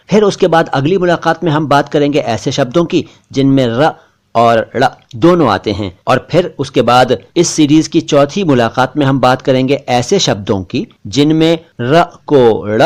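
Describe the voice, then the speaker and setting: A man teaching pronunciation, saying words one at a time with slow, careful enunciation. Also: mid-range voice. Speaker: language teacher. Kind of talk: pronunciation lesson.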